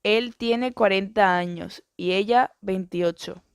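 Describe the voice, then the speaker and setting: A woman reading an educational biography and book summaries in a steady, even narration. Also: medium pitch, takes it slowly, clean tone, dry recording, studio quality.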